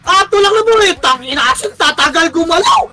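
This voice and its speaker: A Filipino man calling commands to his team during an online game, barking quick orders and swearing often. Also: very high voice, lively intonation, bright, forceful tone, faint music behind. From Philippines. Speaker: team shotcaller. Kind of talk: live game commentary and team calls.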